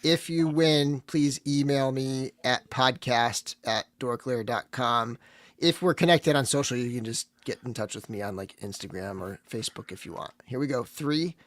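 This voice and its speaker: A man's voice: mid-range voice, moderate pace, dry recording. A man hosting a casual livestream, chatting loosely and running a prize drawing over a call. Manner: chatty, runs a giveaway drawing. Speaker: livestream host.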